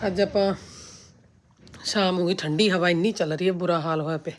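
Outdoors in a farmhouse yard, a roughly forty-year-old woman vlogs about home life, chatting casually like a homely aunty who exclaims and complains. Her voice is lowish and brisk with fairly even intonation. The audio is clear but carries background noise and outdoor ambience.

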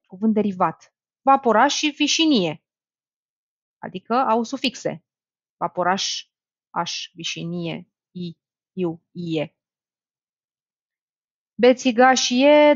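A lively woman teacher leads an exam-prep lesson, questioning her students and reasoning out loud as she works. Her voice sits at a medium pitch for a woman. The recording is dry and slightly muffled. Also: dry recording. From Romania. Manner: lively, talks to students directly, thinks aloud. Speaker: Romanian language teacher.

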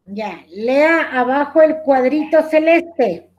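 A woman's voice: high-pitched, lively intonation, takes it slowly, darkish tone. A woman teacher with an Ecuadorian accent, patiently giving a lesson over a video call and calling on students by name. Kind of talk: online class instruction.

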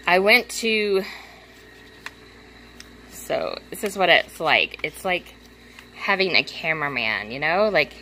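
A woman's voice: lowish voice, slight background noise. Giggly, gushing young woman vlogger. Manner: gushing, giggly, lots of fillers, squeals and shouts with excitement. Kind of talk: excited unboxing vlog. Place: home room.

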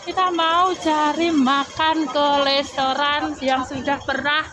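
A woman's voice: sits high, flat delivery, takes it slowly. A woman vlogger, chatting casually through a face mask while walking along a street. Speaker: vlogger host. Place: outdoors on a busy street. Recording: loud street crowd and traffic noise.

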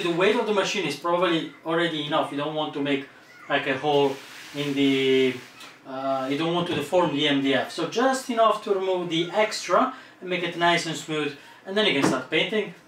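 Narrating his DIY work at home, this thirty-something home cockpit builder walks through each step plainly. He speaks a little fast in a slightly high voice. The mic is distant, so the audio is echoey, off-mic, and noisy.

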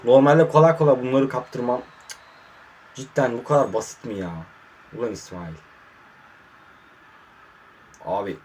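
A man commentating his own mobile football match, muttering in frustration and breaking into sudden excited outbursts, hot and sweating in a warm room. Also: mid-range voice, normal speed, a little hiss or hum. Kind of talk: casual live gameplay commentary.

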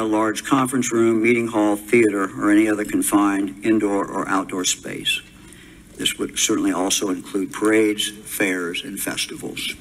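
A man acting an official who reads out a state order, formal and halting, over a video call. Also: on the low side, a bit bright, poor audio.

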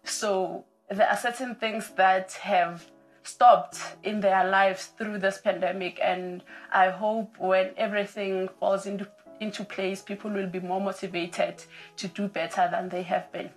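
A woman's voice: mid-range voice, steady tone, a little slow, soft background music, low-quality recording. A South African woman in her thirties, an athlete, speaking earnestly and reflectively in a studio interview. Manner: earnest, reflective, with fillers and restarts. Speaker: athlete, marathon runner. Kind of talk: video interview answers. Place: studio with patterned backdrop.

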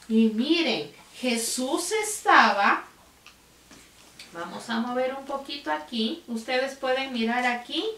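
A woman teaching a children's Bible class, telling the story slowly and simply in a gentle sing-song way and asking the little ones questions. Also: high-pitched. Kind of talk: slow, simple storytelling for toddlers. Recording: roomy sound, a bit far from the mic, faint noise.

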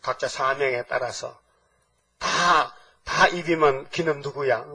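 An older man preaching, his voice husky and a bit breathy. He talks emphatically and keeps tossing short rhetorical questions at the congregation. He sounds a little far from the microphone. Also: mid-range voice, slow, pushed and bright. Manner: emphatic, peppers talk with rhetorical checks to the congregation. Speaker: pastor. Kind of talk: sermon. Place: church sanctuary. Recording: voice from far off the mic.

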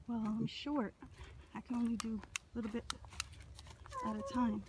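A woman's voice: a little high, normal speed, background noise. Chatty woman vlogging on a trail. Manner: chatty and upbeat, talking straight to viewers. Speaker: vlogger and mother. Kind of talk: casual vlog narration. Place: outdoors on a wooded park trail. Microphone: phone held while walking.

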